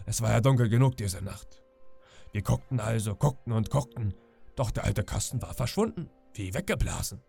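A cunning old pirate captain talks a captive round with oily friendliness, as a man reading aloud puts him on. The gravelly rasp stays through every coaxing line. His warmth never quite hides the menace. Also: mid-range voice, animated, moderate pace, soft background music. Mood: storytelling. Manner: wheedling, falsely friendly with sudden threats. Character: sly smooth-talking old male pirate captain.

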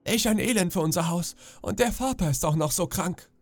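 Man voicing a worried mother, high pitch, fretful, lamenting, audiobook. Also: fairly quick, no room sound. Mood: distraught. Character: worried woman, innkeeper's wife and mother.

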